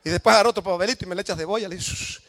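A man from El Salvador, with a Salvadoran Spanish accent and a high voice, preaches a sermon in a church at a very fast clip, shouting emphatic cries of praise.

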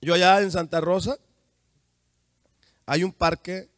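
A middle-aged Salvadoran man preaching a fervent sermon, speaking straight to his congregation and rising into shouts. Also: high voice, steady tone, a little slow, dry recording, studio quality. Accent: Salvadoran Spanish.

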